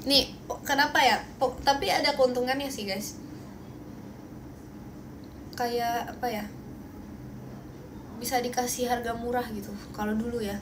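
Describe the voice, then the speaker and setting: High-voiced young indonesian girl chatting on a phone stream, bubbly, keeps thanking viewers, faint hum behind. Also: steady tone, unhurried, long pauses. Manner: bubbly, thanks viewers for gifts, playful protests. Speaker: idol livestream host. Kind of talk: casual livestream chat. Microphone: phone livestream.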